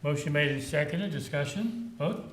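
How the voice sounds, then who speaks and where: A man chairing a county board meeting, opening the session and calling motions in a brisk, businesslike way. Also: a little high, a bit bright, roomy sound, a little hiss or hum, poor audio. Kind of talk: formal meeting procedure. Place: public meeting room.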